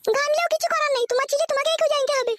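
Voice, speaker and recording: A woman's voice: very high-pitched, very fast, heavy background noise. A young woman voicing a demanding, shameless young wife from a village in a cartoon, whining and complaining. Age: young adult. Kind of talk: cartoon voice acting.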